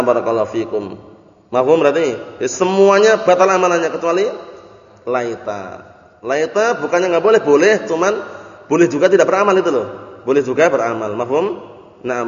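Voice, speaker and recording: A male religious teacher giving a grammar lesson, repeating terms, translating them and often asking whether everyone understood. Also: a little high. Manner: keeps checking if listeners understood. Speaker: Islamic teacher. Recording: echoey hall, dull lo-fi audio.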